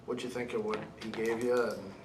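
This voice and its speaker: A man, a reporter, asking a coach a question at a press conference in a quick, flat delivery. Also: on the low side, background noise. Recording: distant mic in a roomy press room with chatter.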